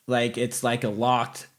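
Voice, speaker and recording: A man speaking candidly and reflectively as a guest in a casual conversational interview. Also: mid-range voice.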